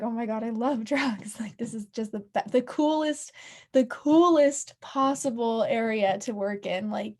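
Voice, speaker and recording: Chatty woman lecturer, lots of "like". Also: mid-range voice. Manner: chatty, animated, frequent "like" and "um". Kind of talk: casual university lecture.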